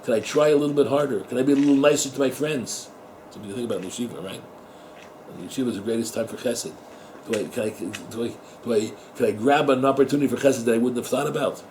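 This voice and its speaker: Mellow-voiced rabbi giving an informal talk. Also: male voice, mid-range voice, steady tone, fast talker, slight background noise, rough recording. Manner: conversational, repeats words, asks the listeners rhetorical questions; mixes Hebrew and Yiddish terms into English. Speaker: rabbi teaching at a yeshiva. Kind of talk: informal Torah talk to students.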